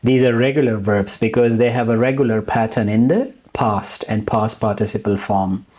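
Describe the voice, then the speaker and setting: A man's voice: lowish voice, steady tone, normal speed, a little mellow. A man teaching a lesson, reading verb lists and repeating the forms, with rising stress on the last word of each set. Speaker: English teacher. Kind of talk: slow vocabulary lesson.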